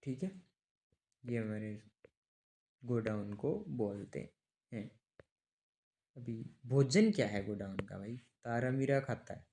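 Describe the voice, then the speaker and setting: A male teacher giving an online exam-prep class at a mid-range pitch. He talks casually and keeps asking students quick rhetorical questions. He repeats important names and dates so they stick. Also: dark tone. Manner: chatty, asks students rhetorical questions, calls them brother.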